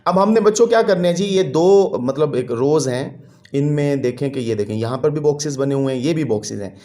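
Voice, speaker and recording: A male teacher with a fairly high voice walks children through a textbook lesson. He reads the English line by line at a slow pace, then explains it plainly. He keeps talking straight to the children as he works through it. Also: mellow. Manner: keeps addressing the children as he goes.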